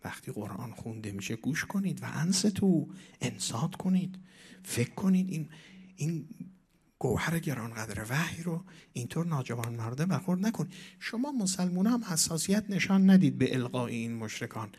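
A man giving a religious lecture as a preacher, reciting Arabic verses and Persian verse, with dramatic swings between soft and loud. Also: a little high, big pitch swings, breathy edge.

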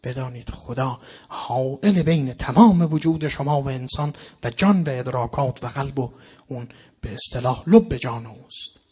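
A man preaching a sermon to an audience in a hall, explaining step by step and reciting Quranic verses slowly and deliberately. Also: medium pitch, slightly rough, dull audio. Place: lecture hall with a live audience.

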